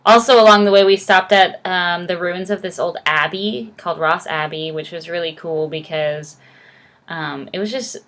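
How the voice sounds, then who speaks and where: A woman's voice: on the low side, normal speed, a bit bright. A young woman, chatting casually as a vlogger in a gushing, emphatic way. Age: young adult. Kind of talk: casual chat to camera with a co-host.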